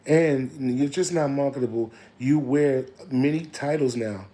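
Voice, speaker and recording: In a casual live stream with a preachy bent, a man gives digital marketing coaching. His voice is slightly hoarse, medium in pitch and mellow, with a measured pace; he repeats himself and addresses listeners as family.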